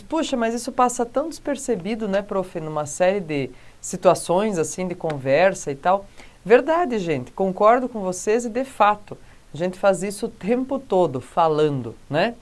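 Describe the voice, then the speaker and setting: A woman with a Brazilian accent teaching a recorded grammar lesson, checking in with the class after almost every point. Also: on the low side. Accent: Brazilian Portuguese. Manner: explains slowly with frequent "tá?" and "né, gente?" check-ins.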